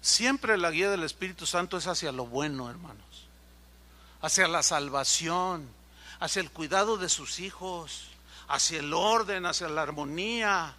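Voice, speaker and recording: Man, pastor, high voice, very bright sound, lively sermon. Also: unhurried. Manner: animated, acts out dialogue in quoted voices.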